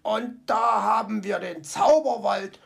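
A woman's voice: mid-range voice, takes it slowly, vocal fry. A woman voicing a cheerful, fussy male fox from a children's storybook who chatters to himself with comic grumbling. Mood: delighted. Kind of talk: storybook character voice.

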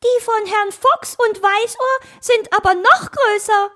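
A woman's voice: very high voice, animated, measured pace, pushed and bright, pitched above the performer's own voice, heavily acted. A woman voicing a small, know-it-all animal child in a children's audio story, piping and cheeky.

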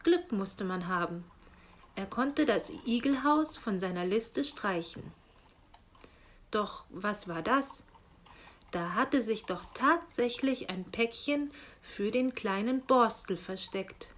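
A woman reading a children's story aloud in a calm, unhurried way. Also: mid-range voice. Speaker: narrator. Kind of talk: scripted children's story narration.

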